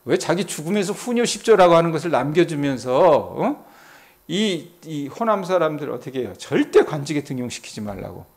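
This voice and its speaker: Brisk and swinging widely in pitch, a middle-aged pastor preaches an early-morning expository sermon on the Bible. He questions the congregation, answers for them, and performs quoted voices with abrupt pitch leaps.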